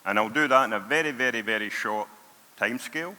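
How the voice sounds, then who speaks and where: A man's voice: mid-range voice, fast talker, sharp tone. A man with a broad Scottish accent giving a conference presentation in an emphatic way, often repeating words for stress. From Scotland. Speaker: conference speaker, payments product lead. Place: on stage in a large hall. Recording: reverberant large hall sound.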